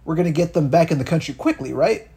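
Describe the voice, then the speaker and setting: A man's voice: on the high side, animated, fast, gravelly, warm tone, husky. A young man from Miami co-hosting a podcast, ranting about politics in casual, profane talk full of restarts. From Miami, Florida. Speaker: podcast co-host.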